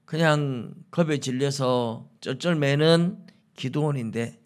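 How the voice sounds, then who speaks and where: A middle-aged male pastor delivers a sermon in a gravelly voice at a mid-range pitch. He moves through stories at a storyteller's pace. He voices quoted speech with sudden rises. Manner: storytelling, acts out quoted lines with rising pitch.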